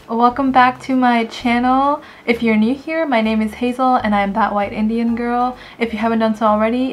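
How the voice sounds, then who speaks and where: Chatty, giggly woman beauty vlogger. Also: fairly high pitch. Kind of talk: casual product review to camera.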